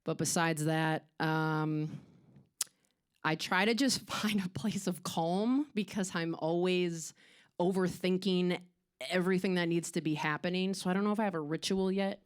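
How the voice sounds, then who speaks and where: Rambling young woman, low voice. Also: steady tone, normal speed, clean tone. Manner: rambling, self-deprecating, fillers like "like". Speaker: performing artist answering audience questions. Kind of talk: casual Q&A chat.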